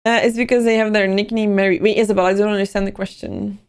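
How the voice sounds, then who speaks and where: A young woman from Belgium, Dutch being her first language, talks fast in a medium-pitched, steady, clean-toned voice. As host of a casual livestream, she wanders between topics and answers incoming chat.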